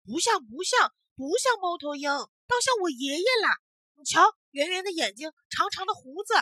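Woman playing a small whiny boy, high lively voice, bright tone, dry close sound, storybook. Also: fairly quick, husky, no echo, heavily acted. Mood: eager. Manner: pleading, whiny. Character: little boy, earnest then crybaby.

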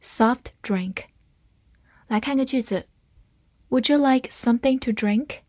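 A woman, an English teacher giving a scripted vocabulary lesson, spelling words and reading model sentences slowly and clearly. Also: on the high side, darkish tone, dry recording, studio quality.

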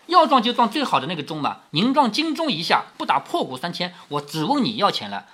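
A man reading the lines of a smooth-talking, wheedling young nobleman while telling a classic novel aloud. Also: high voice, fast, heavily acted. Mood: coaxing. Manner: coaxing, flattering. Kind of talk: storytelling reading.

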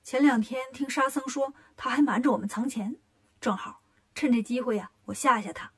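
A woman's voice: on the high side, normal speed, a bit bright, slightly rough. A woman voicing a cocky, mischievous monkey king who teases and tricks his companion, in a storybook reading. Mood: sly. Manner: cocky, teasing, sly.

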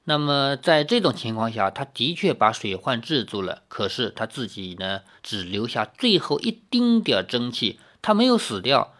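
Animated male storyteller reading a novel. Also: mid-range voice. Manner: lively, explains plot in own words. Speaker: audiobook reader.

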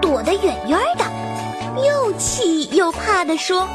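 Slow expressive children's storyteller woman. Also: extremely high pitch. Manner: expressive, sing-song storytelling. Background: children's music.

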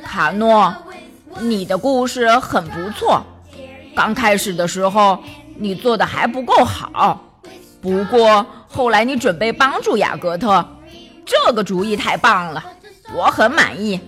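A woman's voice: medium pitch, expressive, unhurried, a bit bright, faint music behind. A woman voicing a serious, fatherly male creature who speaks in a firm, earnest, encouraging way.

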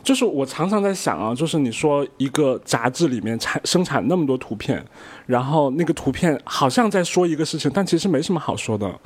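A man's voice: fairly high pitch, lively intonation, brisk, breathy edge. A man in casual discussion, questioning and argumentative, with a slight lisp and leaking air from the braces on his teeth.

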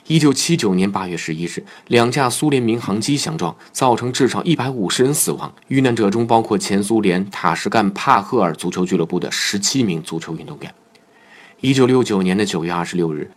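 A man hosting a football commentary show, narrating from a script in a solemn, measured storytelling manner. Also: sits low.

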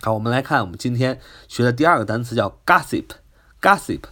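A man gives a vocabulary lesson, spelling English words letter by letter and explaining them in Mandarin. His pitch swings widely, climbing on the questions he asks. His voice sits at an ordinary middle pitch. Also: animated, brisk, sharp tone.

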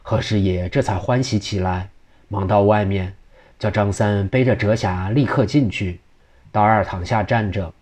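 A man reading a classical novel aloud as a storyteller, in steady narration. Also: lowish voice, moderate pace.

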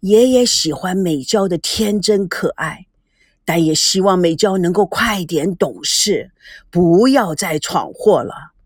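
A stern old grandfather rules the family in this audiobook story, as a woman reads him aloud. His voice sits low and moves slowly, with a scolding weight. The recording is dry and close. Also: animated, slightly rough, no echo, heavily acted. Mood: lecturing.

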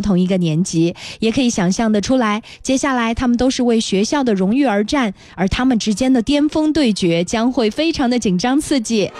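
A woman hosting a children's radio quiz, explaining things clearly and encouragingly. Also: on the high side, a little mellow, no room sound. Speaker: quiz show host. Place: radio studio.

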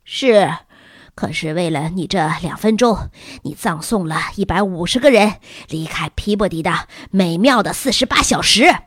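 A schoolgirl with a cold sniffles and scolds her friend, as a woman reads her part. The reading is husky and dry, close to the mic. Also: on the low side, expressive, normal speed, no room sound. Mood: reproachful. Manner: reproachful, sniffly.

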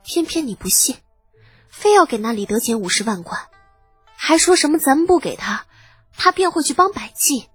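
A man's voice: very high-pitched, big pitch swings, moderate pace, no echo, soft background music, pitched above the performer's own voice. A man voicing a resolute, proud young princess in a spoken storybook. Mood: scornful.

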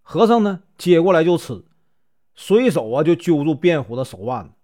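A man with a Northeastern Chinese accent telling a traditional story in a chatty, lively way. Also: on the high side, normal speed. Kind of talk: storytelling narration.

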